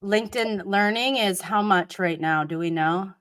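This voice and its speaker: A woman talking in a casual podcast chat in an unhurried way, with many fillers. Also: medium pitch, fairly bright tone.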